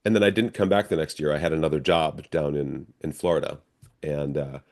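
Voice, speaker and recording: Chatting casually in an interview, this middle-aged American man, a stage actor, relates anecdotes and acts out quoted lines of dialogue. He speaks a little fast in a low, darkish voice with a steady tone.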